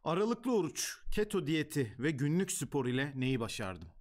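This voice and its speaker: A man's voice: fairly high pitch, big pitch swings, normal speed, very noisy. A man reading out joke questions and bantering as a comedy quiz contestant. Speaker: comedy game show contestant. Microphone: studio desk microphone.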